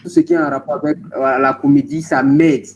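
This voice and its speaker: A man's voice: medium pitch, fairly even intonation, brisk. A man in a group video call politely asking the coach a question, hesitant with many fillers. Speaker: coaching participant. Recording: dull call audio with faint noise.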